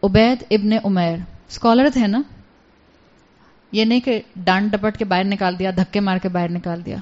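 A woman's voice: mid-range voice, fairly even intonation, darkish tone. A woman giving an earnest religious lecture, telling a story and urging her listeners, mixing English words into her speech. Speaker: religious speaker. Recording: dull lo-fi recording.

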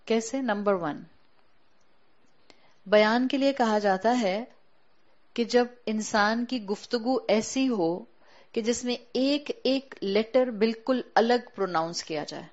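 A woman giving a religious lecture to a women's class as a Quran teacher, explaining patiently, slowing down to stress key words and mixing in English terms. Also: mid-range voice, highs cut off.

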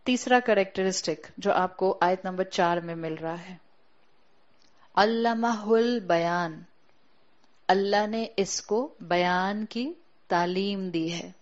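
A woman giving a religious lecture to a women's class as a Quran teacher, explaining patiently, slowing down to stress key words and mixing in English terms. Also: medium pitch, lo-fi sound.

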